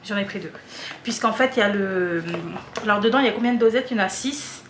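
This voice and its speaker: A woman's voice: medium pitch, quick pace. A young French woman chatting casually and rambling through an unboxing vlog at home, with a slight cough. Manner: rambling, lots of fillers and repeats. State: coughing a little. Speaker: vlogger. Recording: roomy echo, faint hum.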